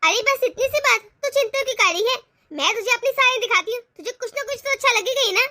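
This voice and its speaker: A woman voicing a kind, agreeable young wife in an animated family cartoon, speaking soothingly to her family. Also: very high voice, quick pace, dry recording, studio quality, heavily acted. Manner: warmhearted, soothing.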